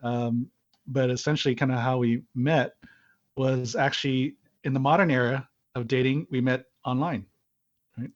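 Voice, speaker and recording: A man's voice: medium pitch, fairly even intonation, moderate pace. Chatty man from Hawaii on a dull call line. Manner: rambling, with restarts and chuckles. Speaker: podcast guest, marriage and business consultant. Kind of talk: conversational storytelling.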